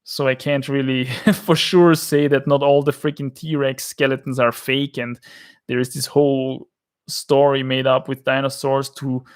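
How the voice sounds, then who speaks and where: Speaking in a mid-range, flat, unhurried voice with a clean tone, a man with an Austrian accent chats casually on a livestream. He rambles, jokes and reads viewers' chat comments aloud as he answers them.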